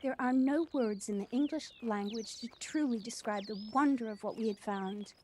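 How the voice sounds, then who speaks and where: In an audio play, an actress portrays a widowed mother who runs a cafe, proud and devoted, speaking earnestly and reflectively with a wistful, proud mood. Her voice is fairly high with a dark tone at normal speed, lightly acted, and it was captured as a noisy home recording on a personal device.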